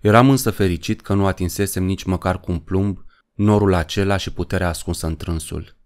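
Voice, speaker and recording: A man with a very low, deep voice reads an audiobook aloud. His delivery is measured and even, a steady storyteller's pace. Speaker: audiobook narrator. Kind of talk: scripted audiobook narration.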